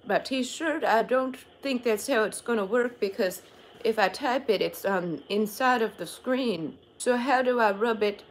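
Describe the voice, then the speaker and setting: Improvising a prank call from a small furnished bedroom, a young woman plays a confused, literal-minded old woman, sounding hesitant, puzzled, and befuddled. Her voice is a little high and unhurried, and the audio is poor.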